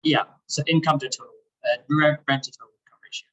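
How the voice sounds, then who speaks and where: A man's voice: fairly high pitch, steady tone, quick pace, a bit bright, recorded from a distance, soft background music. A man from a design team answering questions on a video call with a faulty mic. He sounds muffled and hollow, as if inside a fishbowl, and talks hesitantly with many fillers. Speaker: design team member presenting. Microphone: faulty video call microphone. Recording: dull, muffled lo-fi call audio.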